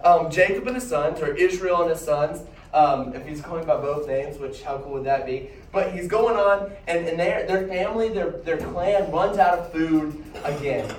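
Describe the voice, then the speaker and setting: Man, casual bible teaching, chatty restarts, fairly high voice, echoey room, off-mic. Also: normal speed, slight background noise. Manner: chatty retelling with frequent restarts and fillers. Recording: roomy echo, distant mic, faint ambience.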